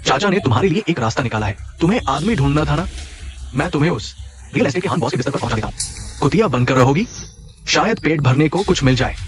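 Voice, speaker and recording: A man's voice: a little high, natural voice. An actor playing a greedy, scheming uncle who mocks and threatens his niece, in a dubbed drama. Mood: mocking. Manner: mocking, contemptuous. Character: sneering greedy middle-aged uncle villain. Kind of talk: Hindi-dubbed drama acting.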